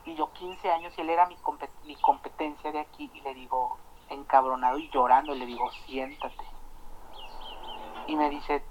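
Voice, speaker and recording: A man with a Mexican accent telling a story in casual chat, animated and swearing, acting out the dialogue. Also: fairly high pitch, fairly quick, few pauses, dull audio, slight background noise.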